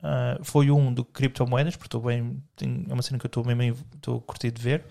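A man's voice: mid-range voice, little pitch movement, fast talker, gravelly, mellow. A young man with a European Portuguese accent, co-hosting a podcast in rambling, joking casual chat full of slang. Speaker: podcast co-host.

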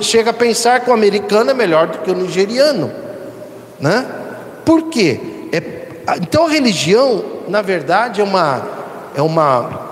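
A high-voiced Brazilian man speaks in a lively, sweeping way, stressing each point and restarting sentences as he goes. He leads a spiritist discussion in a reflective tone. The sound is roomy, with a long reverb tail. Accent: Brazilian Portuguese. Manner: emphatic, repeats phrases, frequent self-corrections. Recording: echoey room with long reverb.

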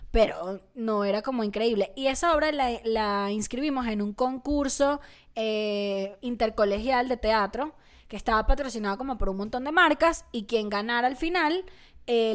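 A woman co-hosting a casual chat, telling animated stories full of slang and English words. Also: a little high. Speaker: podcast co-host.

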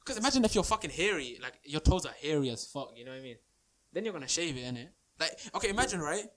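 A man's voice: on the high side, big pitch swings, quick pace. A young man with a London roadman accent bantering casually as a podcast co-host, full of slang and swearing. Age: young adult. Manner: swears freely.

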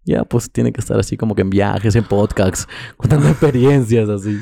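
Mellow-voiced man telling stories. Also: lowish voice, moderate pace, vocal fry, slight background noise. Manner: rambling anecdote with frequent giggles and fillers. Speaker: podcast co-host. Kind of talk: casual storytelling in a podcast.

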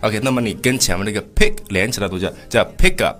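A man hosting a casual podcast lesson, patiently explaining pronunciation and slowly repeating example phrases. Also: fairly low pitch, fairly bright tone, soft background music. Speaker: host and pronunciation teacher.

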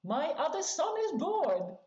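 Lively woman telling a story. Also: mid-range voice, a little hiss or hum. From Netherlands. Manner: animated, laughing storyteller. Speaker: guest. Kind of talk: casual storytelling chat. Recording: roomy, slightly dull sound.

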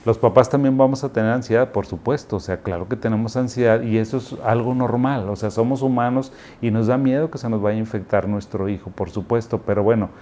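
A man's voice: mid-range voice, a little fast, few pauses, mellow, a little hiss or hum. A male psychiatrist giving casual, folksy advice to parents in a conversational way. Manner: folksy, conversational, frequent "o sea" fillers.

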